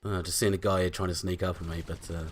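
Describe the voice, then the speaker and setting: A British man with a hoarse, sore-throated voice, chatting casually and bluntly with plenty of swearing as he hosts a gaming show. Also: deep voice, level tone, quick pace, slight background noise. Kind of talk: casual banter over gameplay.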